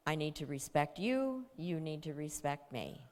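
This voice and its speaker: A woman voicing a patient mother who speaks in a soft, measured, coaxing way. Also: sits low, big pitch swings. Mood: calm firm. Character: patient mother, calm and gently firm. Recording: long hall reverb.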